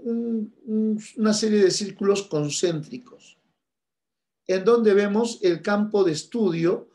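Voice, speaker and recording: A man with a high voice teaches a church class at an unhurried pace. He is earnest, repeats his key points and addresses listeners as brothers and sisters. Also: dark tone.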